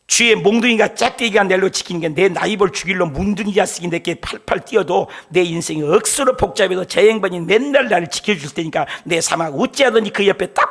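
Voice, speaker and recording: Brief: man doing a gruff, gravelly Gyeongsang country guy, lower than his usual voice, folksy drawl. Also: fairly bright tone. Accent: Gyeongsang dialect.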